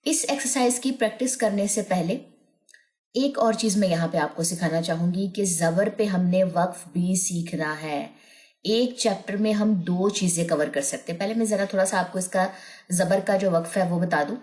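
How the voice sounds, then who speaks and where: A woman teaching Quran reading, patiently spelling out letters and syllables in drawn-out recitation. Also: fairly low pitch, a little mellow, reverberant. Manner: patient, drawn-out syllables when reciting, plain explaining between. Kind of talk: slow spelled-out recitation lesson.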